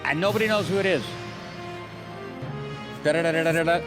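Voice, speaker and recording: A man's voice: on the high side, brisk, music in the background. A man from Los Angeles presenting awards, reading out nominees with joking asides.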